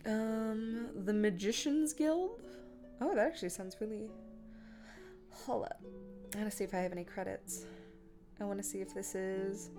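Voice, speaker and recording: Over guitar music in the background, a woman who streams and hosts talks slowly in a mid-range voice while she edits. Her casual livestream chat is playful and silly, full of self-mocking asides, with muttering and humming to herself as she works.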